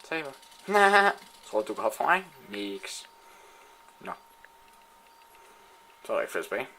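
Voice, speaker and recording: An excitable man narrates his shooter match as it happens, swearing and taunting opponents. His voice is bright and sharp, and it swoops up and down constantly. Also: on the low side, slight background noise. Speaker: gamer playing a shooter. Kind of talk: live gameplay commentary.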